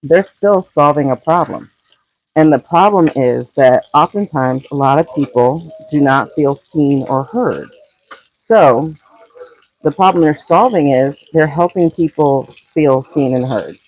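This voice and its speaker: Woman with a husky morning voice, chatty coach talk while she cooks, dry close sound. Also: sits low, measured pace, a little mellow, no room sound, poor audio. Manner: chatty, coaching, addresses viewers as y'all. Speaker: brand coach. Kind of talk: casual vlog talk while cooking. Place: home kitchen, cooking.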